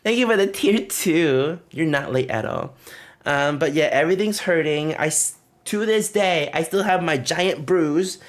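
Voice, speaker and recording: A man's voice: fairly high pitch, measured pace. A man livestreaming, casually telling trip stories to his chat, laughing often and breaking off to greet and thank viewers. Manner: animated, laughing often, rambling with fillers.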